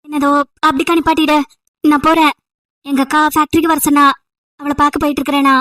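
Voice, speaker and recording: A woman voicing an irritated, sharp-tongued young female college student in an amateur audio drama, scolding with sarcastic rhetorical questions. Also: sits high, little pitch movement, fast talker, no echo. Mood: annoyed.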